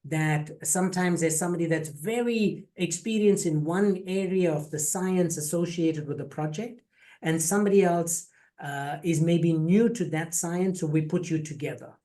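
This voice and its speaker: A man's voice: fairly high pitch, moderate pace, dark tone. A man hosting an online info session, talking casually and joking, often repeating words as he goes. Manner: chatty, jokey, repeats words. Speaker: program faculty host. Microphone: video call.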